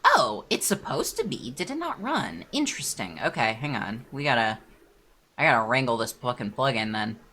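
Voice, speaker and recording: Casual streamer voice, lively and bright, rambling, mouth full. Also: medium pitch, normal speed, slightly rough. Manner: rambling, distracted, swears casually. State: eating while talking. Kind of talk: casual livestream chat.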